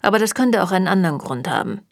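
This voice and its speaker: A woman's voice: fairly low pitch, sing-song, fast talker, gravelly, dry recording. A woman reading a German audiobook, voicing a sardonic, evasive male warlock who answers with dry mockery. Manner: dry and mocking.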